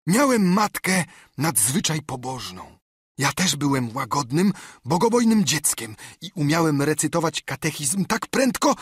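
A man's voice: a little high, slightly rough, no echo, clean studio sound, pitched above the performer's own voice, exaggerated voice. A man voicing a half-mad marooned castaway who is eager, wheedling and keeps repeating himself. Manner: excitable, pleading, repeats himself.

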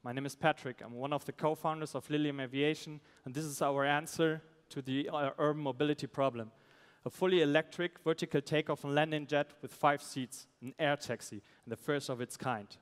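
A man, a startup founder giving a halting, pitch on a conference stage. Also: fairly even intonation, clean tone. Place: stage in a large event hall. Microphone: headset. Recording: amplified voice in large reverberant hall.

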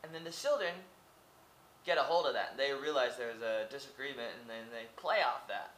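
In a low-quality, reverberant recording with a little hiss or hum, a young man from Oregon, United States, talks casually to a close webcam from a small room. He moves at a moderate pace with a medium pitch and fairly bright tone. Like a typical vlogger, he rambles, repeats himself, and fires off rhetorical questions.

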